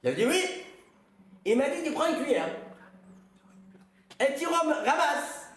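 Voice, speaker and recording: Unhurried and sing-song, this rabbi's very high voice has a fairly bright tone. He gives an informal religious talk built on storytelling and questions to the audience, recorded in a very echoey room.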